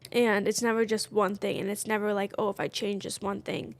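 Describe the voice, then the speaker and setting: A woman's voice: mid-range voice, little pitch movement, fairly quick, no echo. A woman co-hosting a podcast, talking candidly and casually with lots of fillers. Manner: candid, chatty, many fillers. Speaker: podcast co-host. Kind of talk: casual chat.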